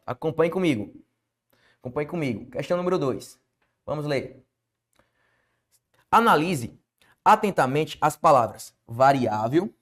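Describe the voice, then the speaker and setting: A man with a Brazilian Portuguese accent teaching an exam-prep grammar lesson, quizzing the viewer with rhetorical questions. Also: on the high side.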